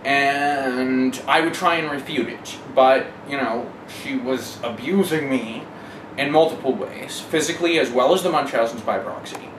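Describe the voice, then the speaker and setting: A somewhat slow, mid-range voice belongs to an interviewee giving emphatic personal testimony. The setting is a noisy room with noticeable echo.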